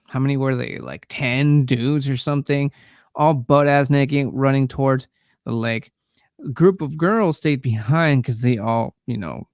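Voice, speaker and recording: A man's voice: mid-range voice, clear, resonant tone, dry recording, studio quality. Rambling laid-back man recapping a film. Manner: rambling, halting, many fillers and restarts. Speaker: podcast host reviewing a film. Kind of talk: casual spoken film recap.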